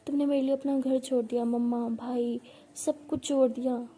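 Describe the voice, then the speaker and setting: This woman's voice is high-pitched and dark in tone, kept level at a moderate pace. She recounts her love story in the first person, tenderly and intimately, playing both lovers in the dialogue.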